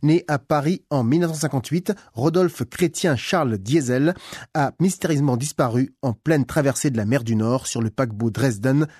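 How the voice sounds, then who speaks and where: A man hosting a radio magazine, reading a scripted news narration in a measured, formal way. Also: mid-range voice, darkish tone, slightly rough, dry recording, clean studio sound.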